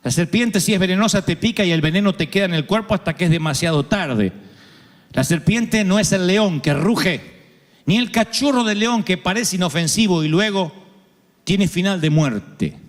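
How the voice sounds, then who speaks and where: Animated Argentine preacher in a big hall. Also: male voice, high-pitched, normal speed. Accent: Argentine Spanish. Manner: humorous storytelling, acts out voices. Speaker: pastor. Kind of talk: sermon. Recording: long reverb of a large hall.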